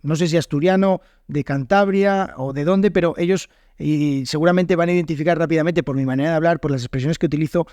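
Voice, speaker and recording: A man's voice: on the high side, fairly even intonation, fast talker, a little mellow, no room sound. A man from northern Spain with a northern Spanish accent, hosting an unscripted podcast as a Spanish teacher and talking thoughtfully, with frequent fillers and self-corrections. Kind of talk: solo podcast monologue.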